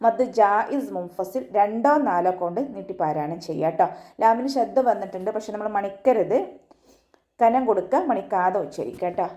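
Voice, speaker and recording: A woman teaching Quran recitation online, explaining each rule patiently step by step and then chanting the verse words slowly. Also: medium pitch. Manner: patient step-by-step explanation, often ending with a soft "tto". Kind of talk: online tajweed lesson.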